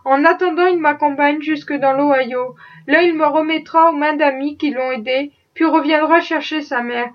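A woman's voice: high voice, moderate pace, few pauses, distant mic, muffled recording, close to an everyday voice. A woman voicing a desperate young enslaved man fleeing to freedom, with impassioned, defiant pleading. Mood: earnest.

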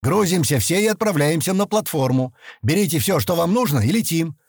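A man's voice: a little high, expressive, a little fast, darkish tone, dry recording, studio quality, voice pushed up. A man doing an impatient, grumbling spaceman. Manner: grumbling, exasperated. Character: gruff young man, impatient, grumbling leader.

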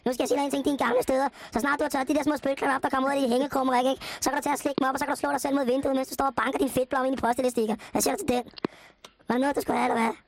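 A woman performing in a comedy sketch, ranting crude threats in a rough, foul-mouthed way. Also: high voice, flat delivery. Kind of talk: prank phone-line comedy sketch.

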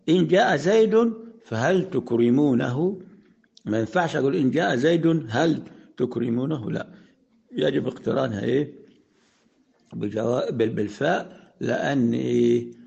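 A man's voice: mid-range voice, gravelly, darkish tone, dull audio. A man with an Egyptian accent teaching an Arabic grammar lesson in a conversational way. He asks the class questions, answers them himself, and recites verses in a raised voice.

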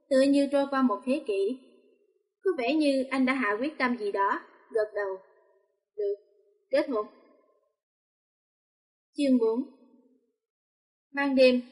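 A woman narrating a romance novel as an audiobook, reading in a steady, even way. Her voice sits high. A long reverb trails after each phrase.

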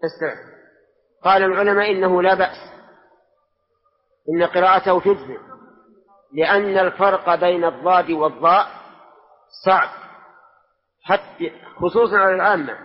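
A man with a high voice teaches a religious lesson, questioning his students and pressing them for answers. He is recorded in a large mosque hall with a long, ringing reverb. The recording is dull and lo-fi. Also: normal speed, pauses often.

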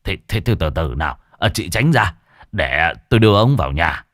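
A man's voice: deep voice, animated, normal speed, fairly bright tone, dry recording, clean studio sound, voice pushed down. A man voicing a jovial village neighbor who stammers and brags. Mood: reassuring. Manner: stammering, reassuring then bragging.

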